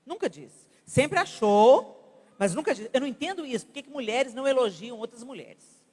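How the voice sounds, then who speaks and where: A Brazilian woman pastor in her fifties, preaching at a women's conference in an animated, conversational way with acted-out examples. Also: on the high side, quick pace, husky. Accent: Brazilian Portuguese. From Brazil (Belo Horizonte). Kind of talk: conference sermon. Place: large church conference hall. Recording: reverberant church hall.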